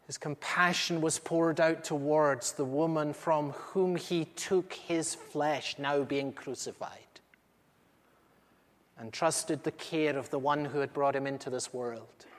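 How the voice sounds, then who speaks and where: Male actor as an aged apostle eyewitness, slightly high voice, earnest storytelling, reverberant hall. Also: natural voice. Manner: earnest, intimate storyteller with dramatic swells. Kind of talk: first-person dramatic monologue. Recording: echoey hall with long reverb.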